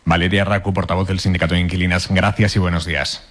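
Male radio presenter, live show, super fast talker, lowish voice. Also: flat delivery, a bit bright. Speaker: radio host.

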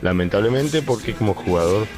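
A very low-voiced Argentine man with a blunt, emphatic way of talking. He sounds critical and direct, with music playing clearly behind him. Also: animated, fairly quick. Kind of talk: blunt sports opinion.

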